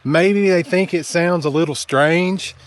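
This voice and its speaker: A man's voice: a little high, measured pace, clean tone, no echo. A man with an eastern Kentucky Appalachian accent, talking casually and conversationally to his viewers as a folksy channel host. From eastern Kentucky, Appalachian Mountains. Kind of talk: casual explainer talking to camera.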